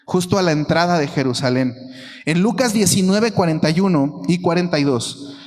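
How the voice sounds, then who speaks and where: A man with a Mexican accent preaching a sermon as a pastor in a church, emphatic and repeating phrases for stress. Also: high-pitched. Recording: long reverb of a church hall.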